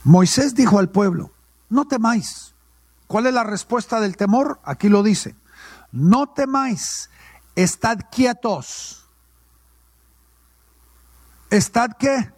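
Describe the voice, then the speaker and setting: A man's voice: high voice, takes it slowly, a little mellow, breathy edge, no room sound. A male pastor, preaching a sermon and asking questions that he answers himself. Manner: call-and-response preaching, asks and answers his own questions.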